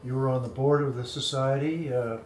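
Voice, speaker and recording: A man's voice: medium pitch, fairly even intonation, a little fast, darkish tone. A man interviewing someone for an oral history, phrasing his questions politely and carefully. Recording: roomy echo with faint noise.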